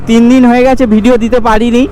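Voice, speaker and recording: High-pitched young man, talking inside helmet. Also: level tone, very fast, dark tone. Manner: informal, chatty, frequently addresses viewers as brother. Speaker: motovlogger. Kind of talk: casual ride-along vlog chat to viewers. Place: outdoors, riding a motorbike in traffic. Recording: enclosed helmet sound, noisy traffic and engine.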